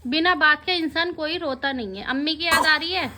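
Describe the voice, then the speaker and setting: A woman's voice: high voice, a little fast, sharp tone, slight background noise. A woman hosting a casual family vlog, chatty and teasing, talking straight to her viewers while filming on a handheld phone. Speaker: family vlogger.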